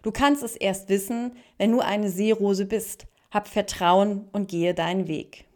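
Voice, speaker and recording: A gentle, reassuring voice from within, as in a storybook, tender and unhurried, as a woman puts it on. It speaks slowly and soothingly. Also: mid-range voice, steady tone, close to an everyday voice. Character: gentle, reassuring inner voice of the heart.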